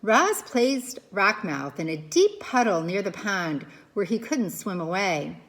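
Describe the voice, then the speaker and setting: A woman with a mid-range voice reads a children's book aloud like a teacher, narrating expressively with dramatic pauses and questions for young listeners.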